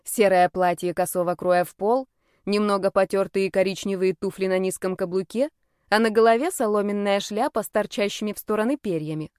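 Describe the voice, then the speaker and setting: Female narrator for a first-person fantasy audiobook, wry and lively, dry booth sound. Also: mid-range voice, a little fast, clean tone, no echo.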